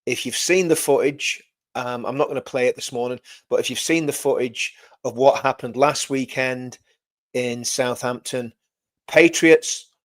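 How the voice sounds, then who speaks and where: A livestream host speaks directly to his viewers in a loud, mid-range voice at an unhurried pace. He rambles casually, repeating words and correcting himself as he goes.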